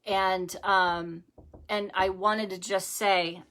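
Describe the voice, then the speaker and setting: A woman's voice: medium pitch, level tone, takes it slowly, fairly bright tone. A middle-aged woman hosting a live-streamed devotional talk from home, speaking conversationally with many fillers and repeated phrases. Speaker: ministry host.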